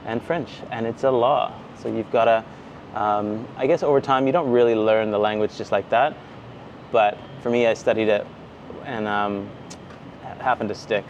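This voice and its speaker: A man's voice: mid-range voice, darkish tone, lo-fi sound, slight background noise. Hesitant man vlogging casually. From Canada. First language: English. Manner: hesitant, searching for words with frequent fillers. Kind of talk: casual vlog to camera.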